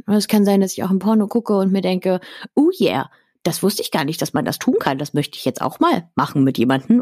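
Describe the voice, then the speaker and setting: Lively woman sex educator on a video call. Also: lowish voice, dry recording, clean studio sound. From born in Poland, raised in Berlin. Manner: lively, explains with many examples and asides. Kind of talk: casual podcast interview over video call.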